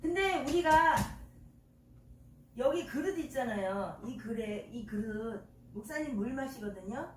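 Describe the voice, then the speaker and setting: Speaking a little slowly with lively intonation in a fairly high voice, an older woman pastor delivers a sermon full of folksy examples and call-and-response questions to her congregation. The recording is distant and echoey in a church sanctuary, with slight background noise.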